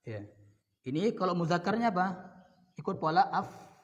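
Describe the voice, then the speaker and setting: A man's voice: high-pitched, sing-song, normal speed. A man teaching Arabic grammar in a lecture, repeating each word and posing questions he answers himself. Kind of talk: classroom lecture. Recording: dull lo-fi sound in a reverberant hall.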